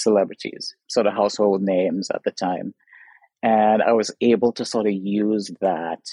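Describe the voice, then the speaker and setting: A man's voice: fairly low pitch, a little mellow, husky, no room sound, rough recording. A man in his fifties, speaking as a guest in an interview and reflecting earnestly, with frequent "sort of" and "you know". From Trinidad. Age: 50s. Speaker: guest artist.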